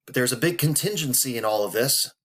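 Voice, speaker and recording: A man's voice: medium pitch, animated, fast, a bit bright. A man in his thirties talking to camera, earnest and emotional, mixing blunt swearing with heartfelt talk and holding back tears. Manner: earnest, emotional, profane, motivational. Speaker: vlogger.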